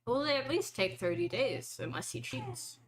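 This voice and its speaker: A woman's voice: high-pitched, sing-song, moderate pace, crowd noise. A woman casually describing her character's actions as a player in a tabletop role-playing game.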